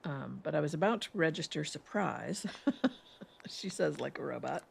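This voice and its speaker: A woman's voice: deep voice, lively intonation, normal speed, creaky, breathy edge. A woman with an East Coast accent, streaming a game and chatting in a rambling, laughing way while reading chat aloud. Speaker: gaming streamer. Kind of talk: casual let's-play chat.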